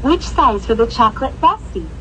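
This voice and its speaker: A woman's voice: fairly high pitch, big pitch swings, moderate pace, a bit bright, slight background noise, rough recording. Synthetic woman's voice over a drive-thru speaker. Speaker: AI drive-thru order taker. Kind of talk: scripted customer service prompts. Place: fast food drive-thru.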